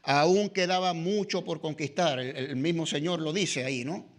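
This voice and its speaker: Latin american spanish guy teaching a bible class at church, high voice, chatty, lots of "verdad" and "eh". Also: moderate pace. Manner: conversational, frequent "¿verdad?" and "¿no?" tags, filler "eh".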